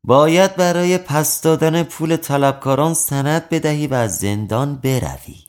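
A man voicing a stern, reasoning city judge in a storybook tale, with measured, firm pronouncements. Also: a little high, soft background music, voice pushed up, natural voice.

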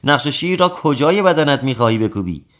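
A man playing a calm obliging barber. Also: medium pitch, voice pushed up, natural voice. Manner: calm, accommodating. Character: patient obliging adult male bath-house barber.

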